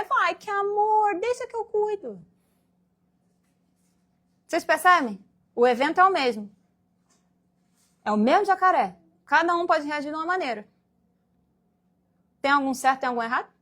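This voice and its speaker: A woman's voice: sits high, fairly bright tone. A woman from Brazil giving a spiritual lecture to a congregation, acting out little scenes in different voices as she goes. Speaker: guest speaker at a Spiritist meeting.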